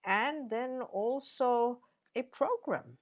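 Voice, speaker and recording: Slow-spoken older woman professor, lo-fi. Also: fairly high pitch, animated. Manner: measured, many fillers and restarts. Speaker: interviewee, professor. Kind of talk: academic interview answer.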